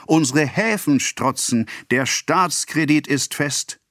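A man voicing a pompous male government official, declaiming a speech slowly and loudly in an audiobook reading. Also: on the high side, no room sound, studio quality, voice pushed up. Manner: declaiming, slow and loud.

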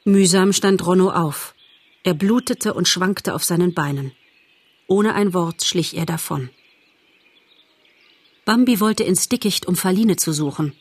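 A woman narrating a children's animal story in a measured, expressive audiobook reading. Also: fairly low pitch, slightly rough, no echo.

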